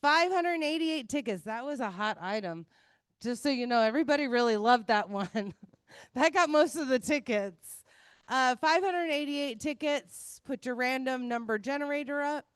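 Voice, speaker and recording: A woman's voice: high voice, lively intonation, moderate pace, smooth, no room sound, clean studio sound. A woman hosting a live raffle, announcing ticket numbers like a raffle caller with playful, chatty exclamations. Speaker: meeting host running a raffle.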